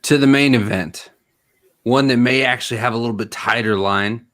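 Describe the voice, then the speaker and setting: A man's voice: medium pitch, moderate pace, a bit bright, dry recording, clean studio sound. A man hosting a casual sports podcast over a video call, joking and swearing as he steers the talk between the others. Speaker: podcast host.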